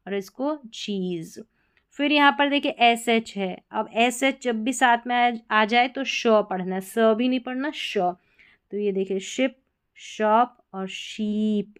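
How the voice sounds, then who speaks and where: A woman teacher walks through phonics patterns one by one, repeating each rule patiently and checking in often. Her voice sits a little high and sounds smooth and clean, recorded close to the mic. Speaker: English reading teacher. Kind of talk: step-by-step phonics lesson.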